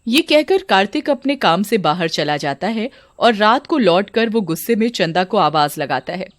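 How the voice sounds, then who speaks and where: A woman narrating a scripted folk horror story in an expressive, dramatic way. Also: medium pitch, moderate pace, no echo, studio quality.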